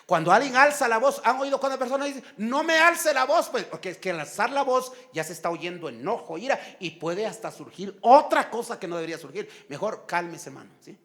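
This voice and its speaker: A middle-aged man with a Guatemalan accent preaching a sermon, lively, acting out shouting people. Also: sits high, a little fast, few pauses. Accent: Guatemalan Spanish. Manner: animated preaching, acts out quarrels in shouted voices. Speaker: pastor.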